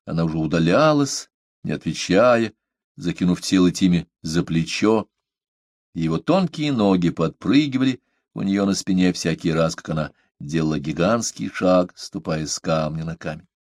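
Low, lively male audiobook reader. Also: normal speed, dry recording, clean studio sound. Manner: expressive, lively reading. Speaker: audiobook narrator. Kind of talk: audiobook reading of a novel.

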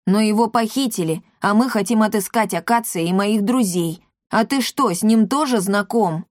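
A woman's voice: medium pitch, normal speed, dry recording, studio quality, close to an everyday voice. A woman voicing a plump, timid young man who blusters when pushed. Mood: proud.

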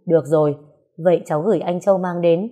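A woman's voice: on the low side, fairly even intonation, quick pace, mellow, close to an everyday voice. A woman reading a story aloud, voicing a cold, stern middle-aged man who speaks in curt phrases.

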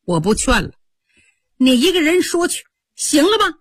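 A woman's voice: sits high, sing-song, normal speed, no room sound, voice pushed up. A woman voicing a patient senior maid in a storybook tale, reproachful and coaxing. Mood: indignant.

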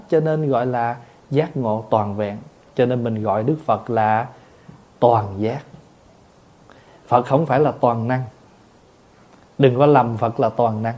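A man's voice: mid-range voice, warm tone. A man, a Buddhist monk, giving a patient dharma talk, explaining terms word by word and acting out little everyday exchanges.

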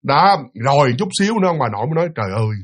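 A young man telling a ghost story in an animated way, acting out the voices of a father and a frightened child. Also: on the high side, very fast, slightly rough.

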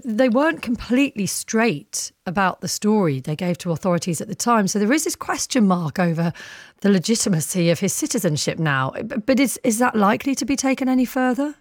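A woman presenting live breakfast radio, brisk and inquisitive with her guests. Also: mid-range voice, sing-song, no echo, studio quality.

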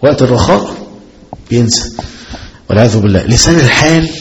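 A man with an Egyptian accent, a sheikh giving a religious lesson, animated and often asking rhetorical questions before he answers them. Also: medium pitch, quick pace, long reverb tail, a little hiss or hum, poor audio. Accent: Egyptian Arabic. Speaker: sheikh teaching a hadith book.

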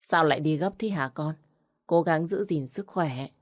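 A frail elderly father played by a woman narrator in an audio story. He speaks low and calm. His tone stays mild and gentle. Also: normal speed, no echo, clean studio sound.

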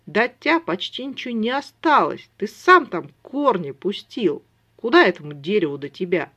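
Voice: medium pitch, sing-song, normal speed, sharp tone, breathy edge, voice pushed up, full character voice. A reader voicing a sly male ruler who speaks in clipped, chiding phrases, in an audiobook. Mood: stern. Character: sly older brother Lami, a ruler. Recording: dull lo-fi recording.

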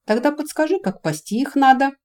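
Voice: medium pitch, normal speed, darkish tone, lightly acted. A reader voicing a young male dragon, a grumbling, put-upon protective brother, in an audiobook reading.

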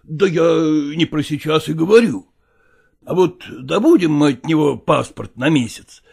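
A man playing a pragmatic older merchant father who coaxes his daughter in a dramatized reading, with a husky, gravelly voice and folksy persuasion. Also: a little high, measured pace, darkish tone, full character voice. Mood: coaxing.

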